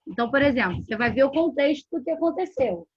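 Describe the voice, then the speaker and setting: Husky Brazilian woman teaching a workshop. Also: high voice, animated, quick pace, no echo. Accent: Brazilian Portuguese. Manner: explanatory, with frequent "né?" and "tá?" checks. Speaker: workshop instructor. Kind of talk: live workshop lesson. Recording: dull lo-fi sound.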